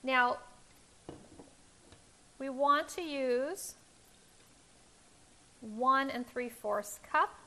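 A woman's voice: high-pitched, very slow, long pauses, pushed and bright. A woman in her thirties hosting a home cooking show, explaining each step in a friendly instructional way from her kitchen on a lapel mic. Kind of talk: cooking demonstration.

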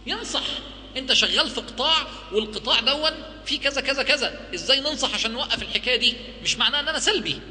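An Egyptian man preaches to a gathered audience, his voice high, bright and piercing. He throws out rhetorical questions with lively swings of pitch. The sound carries the long echo of a big hall with a faint hum underneath. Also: racing. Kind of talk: religious talk to a live audience.

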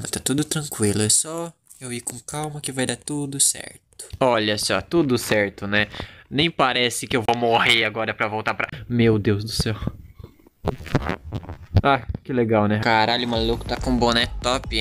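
A man's voice: mid-range voice, pushed and bright, a little hiss or hum. A man with a Rio Grande do Sul accent giving joking, crude, jittery Let's Play commentary from home. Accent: southern Brazilian, Rio Grande do Sul. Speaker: gaming YouTuber.

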